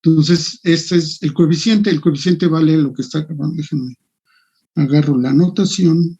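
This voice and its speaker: Man, lecturing online, thinks aloud, mutters to himself, slightly high voice, dull lo-fi sound. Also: normal speed, dark tone, husky. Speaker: engineering lecturer. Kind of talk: online class lecture with screen sharing.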